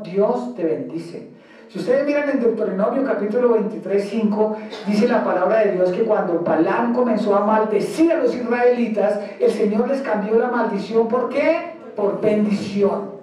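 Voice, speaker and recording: Colombian pastor guy, very high voice, preaching hard in a super echoey church, mic off at a distance. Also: darkish tone. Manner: emphatic preaching, acts out quoted believers. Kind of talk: sermon.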